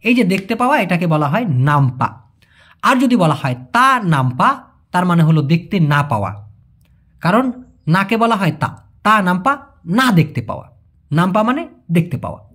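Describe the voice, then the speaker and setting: Man, language teacher, patient, repeats words slowly, animated pitch. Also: breathy edge. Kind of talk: explaining vocabulary to viewers.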